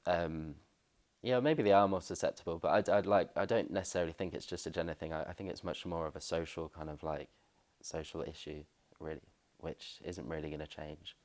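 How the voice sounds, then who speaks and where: A man's voice: low voice, steady tone, fairly quick, darkish tone. A man giving a casual, tentative opinion in a documentary interview, full of fillers.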